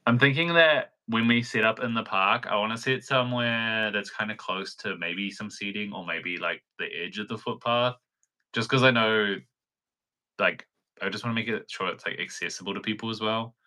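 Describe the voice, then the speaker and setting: A man's voice: on the low side, moderate pace, sharp tone. A young man with a New Zealand accent, hosting a casual crochet livestream in a chatty, giggly way, full of likes and ums. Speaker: crochet pattern designer and livestream host.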